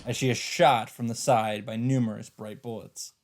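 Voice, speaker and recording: Reading visual novel narration aloud between bits of casual let's play commentary, a man halts and rambles as he goes. His medium-pitched voice keeps a steady tone, and the recording is very noisy.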